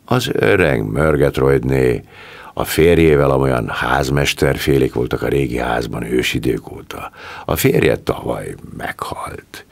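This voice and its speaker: A man's voice: very deep voice, vocal fry, heavily acted. A man voicing a breezy young squire. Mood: reassuring. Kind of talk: audiobook character reading.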